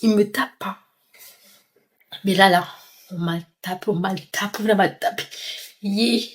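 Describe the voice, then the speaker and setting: A young woman in her twenties tells a storytime vlog. She narrates in an animated, expressive way and acts out the scenes as she goes. Her voice sits at a middle pitch. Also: unhurried. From Comoros and Mayotte. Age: 20s. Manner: animated retelling, mimes crying and pleading. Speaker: vlogger.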